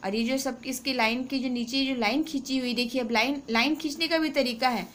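A woman's voice: high voice, steady tone, fairly quick, fairly bright tone, slight background noise. A woman school teacher giving a grammar lesson, explaining patiently and asking her pupils questions as she goes.

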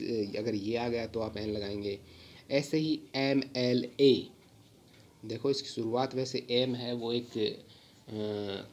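A man teaching English grammar in a patient lesson, repeating words slowly and pausing on fillers. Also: mid-range voice. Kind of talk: slow explanatory lesson.

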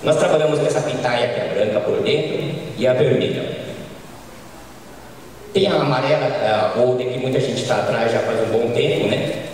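A middle-aged Brazilian man giving an informal conference lecture on a handheld microphone, often ending points with quick tag questions. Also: medium pitch, a little mellow, slight background noise. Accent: Brazilian Portuguese. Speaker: agronomist lecturer. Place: large conference hall. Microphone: handheld mic, filmed from far. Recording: echoey hall from far off.

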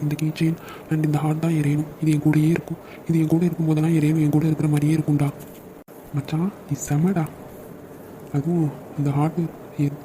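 A man's voice: fairly high pitch, mellow, a little hiss or hum, natural voice, poor audio. A man voicing a caring young brother and loyal friend in a cartoon, brotherly and teasing. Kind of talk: cartoon dialogue acting.

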